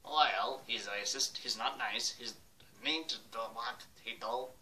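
A teenage man voicing a dopey, cheeky furry monster puppet in a slow, rambling way for a ventriloquist act. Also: mid-range voice, pushed and bright. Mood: earnest, muddled. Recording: noisy, echoey room, distant webcam mic.

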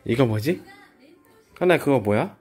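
A man's voice: mid-range voice, lively intonation, measured pace, a little mellow, soft background music. A father hosting a family vlog from his living room at home, chatting casually and talking playfully to his toddler. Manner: playful, talks sing-song to his toddler.

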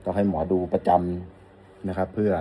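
Low, very mellow-voiced man chatting. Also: little pitch movement, normal speed, a little hiss or hum. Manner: rambling, friendly, polite particles. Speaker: audio shop owner answering customer questions. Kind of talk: casual talk to camera.

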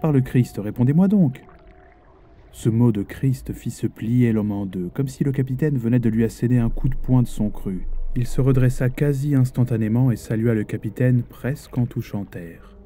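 A man telling a dark sea legend in steady, dramatic scripted narration. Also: medium pitch, moderate pace, hardly any pauses, faint music behind. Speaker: storyteller.

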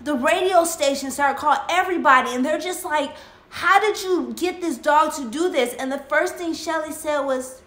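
A woman's voice: sits high, normal speed. A woman telling a children's story in a casual way, acting out the characters' lines and the dog's barks. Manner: animated, acts out lines and dog barks. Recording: echoey room with faint noise.

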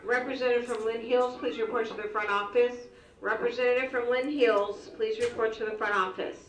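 A woman making brisk, repeated announcements over a school intercom loudspeaker. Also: on the high side, steady tone. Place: school classroom, heard through a loudspeaker. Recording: echoey intercom heard from far off.

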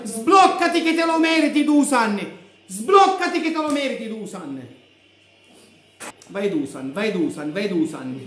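A man in his thirties giving a live football reaction at home, shouting goals, chanting players' names and pumping his fists. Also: sits high. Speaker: football fan streamer. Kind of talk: live match reaction commentary. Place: living room with a grey sofa. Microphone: fixed camera at desk distance. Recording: echoey room.

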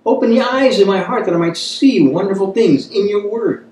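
A high, darkish voice at normal speed belongs to a man in his fifties who conducts a Bible study as an earnest, exhorting sermon, repeating phrases for emphasis. He's indoors in a small room at a wooden table. The room echoes and the microphone is distant.

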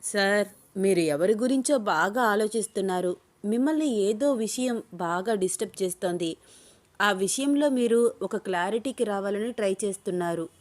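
A woman reading a story, voicing a lively, quick-tongued young woman who protests and insists. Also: mid-range voice, natural voice. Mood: protesting.

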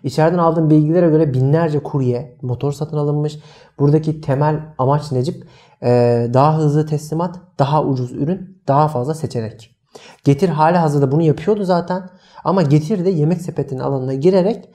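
A man co-hosting a casual marketing podcast, talking in an animated, emphatic way. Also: fairly high pitch. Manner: animated, emphatic, addresses co-host by name. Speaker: podcast co-host.

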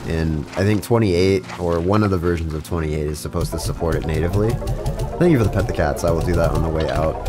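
This streamer speaks fast and low, stuffy from a cold, while loud music plays behind him. Chatting with viewers during gameplay, the young man rambles and keeps breaking off to start his sentences over. A studio mic with compression picks him up.

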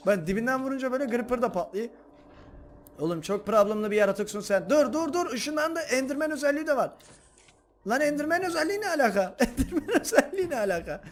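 A man hosting a game video, chatting casually and excitably to his viewers as he plays. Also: very high voice. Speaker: gaming video host. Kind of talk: casual gameplay commentary.

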